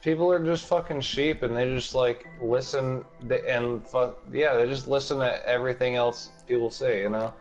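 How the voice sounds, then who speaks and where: A man's voice: medium pitch, steady tone, moderate pace, few pauses. Guy cutting into the chat, blunt and sweary, muffled kinda lo-fi sound, faint music. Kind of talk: casual chat.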